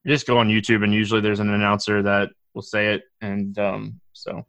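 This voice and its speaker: A man co-hosting a casual sports podcast, his voice bright and forward. He talks in a halting, filler-heavy way and often restarts his sentences. The recording is dry and close, with no room sound. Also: fairly low pitch, little pitch movement, creaky, clear, resonant tone, no room sound. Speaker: co-host.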